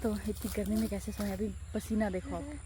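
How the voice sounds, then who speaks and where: A woman's voice: mid-range voice, level tone, fairly quick, background noise. A young woman vlogging in a casual chat, talking directly to her viewers. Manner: chatty, addresses viewers directly.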